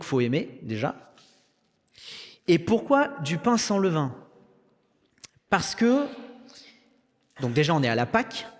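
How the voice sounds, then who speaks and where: A young man with a French accent preaching a sermon in a conversational way, with joking asides. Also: a little high. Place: church hall. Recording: long church reverb.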